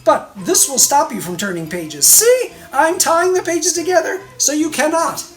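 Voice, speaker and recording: A woman's voice: high-pitched, very animated, faint music behind, voice pushed up. A woman voicing Grover, a timid furry monster who begs and pleads in a frantic storybook reading. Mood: frantic pleading. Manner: frantic, pleading, drawn-out begging. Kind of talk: storybook read-aloud.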